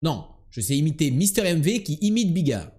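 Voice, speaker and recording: A man's voice: fairly high pitch, sing-song, brisk, a little mellow, slightly rough. A man streaming a geography guessing game, chatting and joking as he thinks aloud. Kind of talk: casual game-stream commentary.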